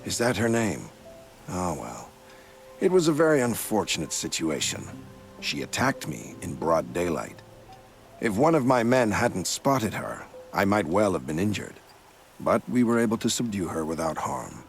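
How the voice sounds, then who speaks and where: An actor playing a courteous, evasive male commander who smoothly denies wrongdoing. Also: lowish voice, very animated, moderate pace, faint music behind. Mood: smooth denial.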